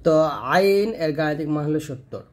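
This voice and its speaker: A man with a slightly high-pitched voice gives a patient pronunciation lesson. He draws out each letter sound slowly to demonstrate it, then explains it step by step. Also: a little mellow. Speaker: Quran reading teacher.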